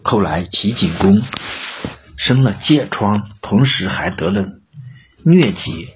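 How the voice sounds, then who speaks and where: A male storyteller narrating a historical tale. His voice is low and very husky, and his delivery stays steady and even.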